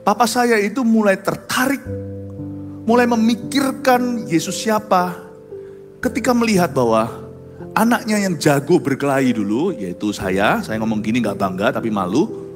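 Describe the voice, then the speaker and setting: A middle-aged pastor from Surabaya preaching and telling personal stories, swinging from loud outbursts to soft confessions. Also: male voice, high voice. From Surabaya, Indonesia. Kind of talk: sermon with personal storytelling. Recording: echoey hall with music behind.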